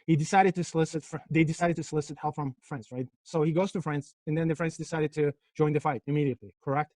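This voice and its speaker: A Turkish man delivers a rapid physics lecture in a slightly high, somewhat mellow voice with fairly even intonation. He jokes, provokes, and fires rhetorical questions at his students, and the recording is dry with no room echo.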